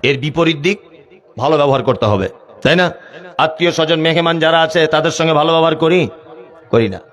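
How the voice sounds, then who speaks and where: A man preaching a Bengali waz sermon in a West Bengal accent, fiery, mocking, and rising to shouts. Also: a little high, brisk.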